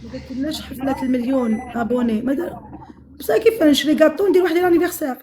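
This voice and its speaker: Fast, high-pitched woman on a noisy stream. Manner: switches between French and Arabic. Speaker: livestream guest. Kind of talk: casual livestream chat.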